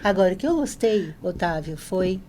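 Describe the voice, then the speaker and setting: Mellow-voiced Brazilian woman expert. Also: on the low side, lively intonation, normal speed, a little hiss or hum. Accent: Brazilian Portuguese. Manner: friendly, explanatory, laughs easily. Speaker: guest speech therapist. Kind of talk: casual podcast interview.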